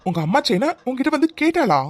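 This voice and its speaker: Figure: a caring young man, fast and soothing. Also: sits high, big pitch swings, dry recording, faint music behind. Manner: soothing, reassuring, quick. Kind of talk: cartoon voice acting.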